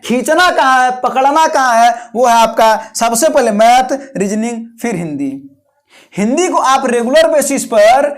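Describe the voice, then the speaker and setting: Coaxing man teaching. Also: extremely high pitch. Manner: repetitive, coaxing, colloquial exhortation. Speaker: coaching teacher. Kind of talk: exam guidance talk to students.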